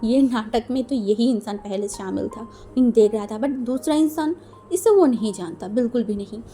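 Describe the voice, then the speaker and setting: A woman retells a fan story in a loose, conversational way, slipping English words into her telling. Her voice sits high but sounds dark and mellow, with faint music underneath. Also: normal speed. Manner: chatty, mixing English words into Hindi. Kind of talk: casual narration of a fan story.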